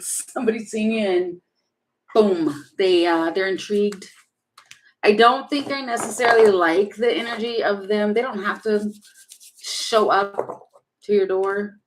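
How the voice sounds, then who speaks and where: A woman's voice: medium pitch, reverberant, a little hiss or hum. A woman who reads tarot on a live stream, casual and chatty, thinking aloud from home. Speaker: tarot reader. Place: home room with a heater running.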